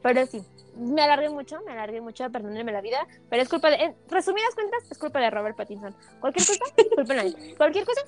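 A young woman chats on a podcast, her voice sitting high and bright as she retells a story with animated, dramatic flair. Faint music plays softly behind her. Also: quick pace. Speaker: podcast co-host. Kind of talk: casual chat, personal storytelling.

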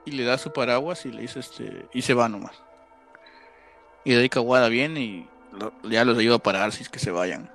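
A man's voice: medium pitch, moderate pace, a bit bright, soft background music. A man, co-hosting a casual podcast and retelling a film plot step by step.

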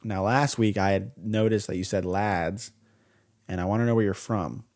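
A man's voice: on the low side, normal speed, darkish tone. A man in his twenties co-hosting a podcast, reading listener mail aloud with sarcastic, mock-insulting banter. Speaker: podcast co-host.

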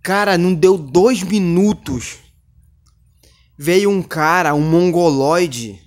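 A young man hosting his own podcast, telling an angry story in an indignant, swearing rant that climbs toward shouting. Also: high-pitched, takes it slowly. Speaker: podcast host. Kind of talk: angry ranting monologue.

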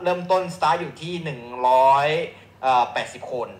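A man's voice: medium pitch, a little fast. Hesitant man on an echoey call. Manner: rambling, hesitant with many fillers. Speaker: guest, friend living abroad. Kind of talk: casual chat among friends.

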